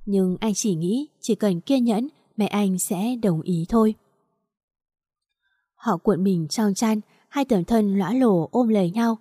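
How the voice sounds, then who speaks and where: A woman narrates a story in a steady, even reading voice. Her tone is mellow and warm rather than bright. The recording is close and dry. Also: medium pitch, takes it slowly, slightly rough, no room sound.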